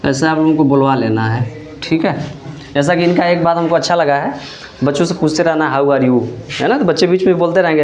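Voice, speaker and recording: A man teaching a class, sounding out letters slowly and checking in with listeners after each point. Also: fairly high pitch, a little mellow, roomy sound, dull audio. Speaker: teacher trainer. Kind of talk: classroom lesson.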